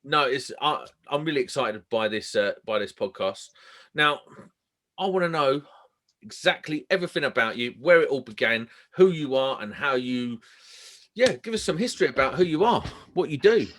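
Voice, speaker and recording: Male podcast host, mid-pitched voice, informal chatty interviewer. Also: lively intonation, moderate pace, fairly bright tone.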